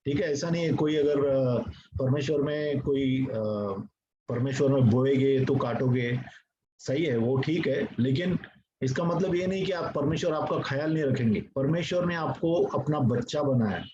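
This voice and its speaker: A male pastor preaches an earnest sermon straight to his congregation, weaving English phrases into his teaching. His voice is medium-pitched and moderately paced, captured on a dull lo-fi recording with faint noise.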